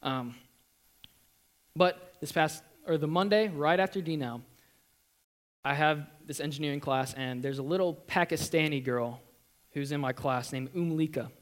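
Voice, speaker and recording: Young guy giving his church testimony, kinda high voice, lots of ums and starting over, real earnest. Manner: earnest, halting, many ums and restarts.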